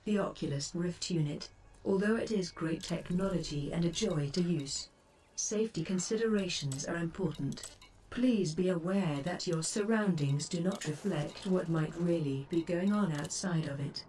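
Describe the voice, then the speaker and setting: With a lowish, slightly mellow voice and light acting, a woman plays a composed spaceship computer assistant in a game. She speaks scripted advice in a formal, precise, measured way, heard through a noisy, somewhat distant game-stream capture.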